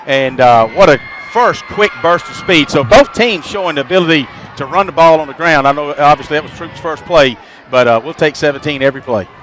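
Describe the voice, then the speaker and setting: A man adds chatty, rambling analysis of the play, his voice a bit high. Faint outdoor noise sits behind him. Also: brisk, a bit bright, low-quality recording. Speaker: color commentator. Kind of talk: radio football commentary. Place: high school football stadium press box.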